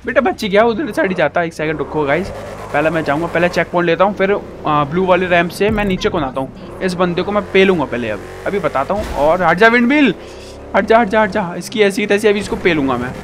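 An excitable man narrates his gameplay live, shouting at the screen and joking with viewers. His voice sits high and leaps up and down constantly. Car and game sounds run clearly behind him. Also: a little fast, noisy background. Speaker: gaming YouTuber.

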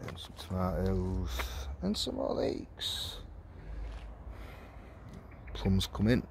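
A man's voice: sits low, sing-song, takes it slowly, gravelly, darkish tone, slight background noise. A man chatting casually as he walks through his allotment garden, rambling and chuckling as he goes. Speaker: allotment vlogger. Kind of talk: casual walking tour commentary. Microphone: handheld phone camera.

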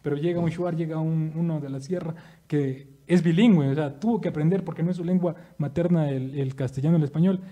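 A man with an Ecuadorian Spanish accent co-hosting a podcast, explaining in an animated way with many asides. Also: a little high, fairly quick. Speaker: podcast co-host. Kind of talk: casual discussion. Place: studio.

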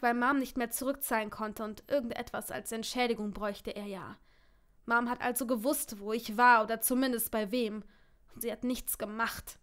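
A woman's voice: a little high, fairly bright tone. Emotional woman reading an audiobook. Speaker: audiobook reader. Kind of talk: first-person audiobook narration.

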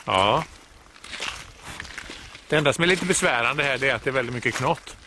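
A man's voice: medium pitch, lively intonation. A man in his sixties from Sweden, narrating his sailing trip in a chatty, explanatory way, outdoors on a boat. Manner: chatty, explains at length with fillers. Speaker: sailing vlogger. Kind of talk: casual travel narration. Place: outdoors on a sailboat and shore. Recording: outdoor noise on camera mic.

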